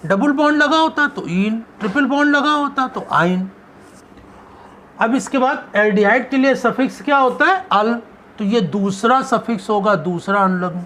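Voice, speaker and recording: A man's voice: extremely high pitch, normal speed, sharp tone, slight background noise. A male chemistry teacher giving a classroom lecture. He poses questions and answers them himself, stretching out the key terms.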